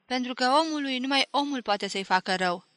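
A woman's voice: high-pitched, animated, fairly bright tone, no room sound, voice pushed up. A woman reading aloud, voicing a young woman companion, frank and probing, who speaks in an earnest, pointed way.

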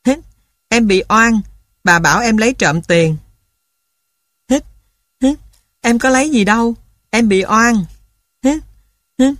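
A woman's voice: mid-range voice, measured pace, a bit bright, no echo, studio quality, close to an everyday voice. A woman voicing a small village boy who is crying and sniffling in a storybook audiobook. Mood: tearful.

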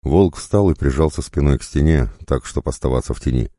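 A man reading an audiobook in a measured, even storytelling manner. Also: extremely low pitch, no echo, clean studio sound. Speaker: narrator. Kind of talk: audiobook narration.

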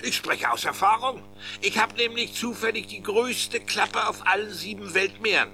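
A man's voice: high voice, moderate pace, heavily acted. A man playing an old, boastful male bear sea captain who narrates tall tales to his grandchildren in a children's audio play. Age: older. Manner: boastful, rambling tall-tale teller. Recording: loud background music. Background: music.

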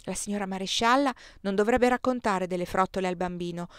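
Brisk stern housekeeper woman, read by a female narrator, audiobook, slightly raised voice, dry sound. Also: mid-range voice, clear, resonant tone, dry recording, lightly acted. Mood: scolding. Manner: scolding, brisk.

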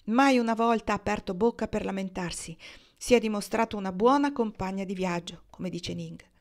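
Female audiobook narrator, calm, measured reading. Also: mid-range voice. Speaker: audiobook reader. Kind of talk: novel reading.

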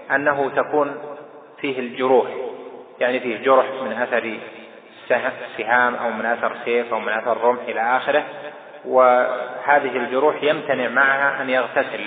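A male scholar gives a measured, deliberate lesson with long thinking pauses. His voice comes through a thin, phone-like band with a roomy echo and long reverb, as on an old lecture tape. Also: mid-range voice. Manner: measured, deliberate teaching with drawn-out hesitations. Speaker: Islamic scholar teaching hadith. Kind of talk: scholarly lesson explaining a hadith. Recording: tinny, echoey old lecture recording.

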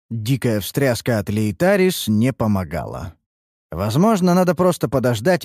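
A man reading a first-person fantasy audiobook in an expressive, wry manner. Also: mid-range voice, no room sound, clean studio sound. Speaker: audiobook narrator.

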